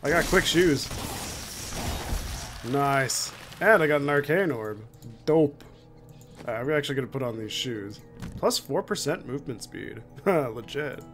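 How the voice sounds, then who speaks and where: A young man commentates his game playthrough casually, joking, swearing and reacting aloud, with game music in the background. His mid-range voice is expressive and fairly bright, a little slow, with frequent pauses.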